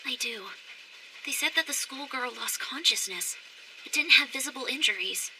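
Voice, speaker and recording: An actress playing an irritable, blunt young academy instructor in an anime English dub. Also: female voice, high voice, expressive, normal speed, bright, forceful tone, slight background noise, exaggerated voice, low-quality recording. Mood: concerned.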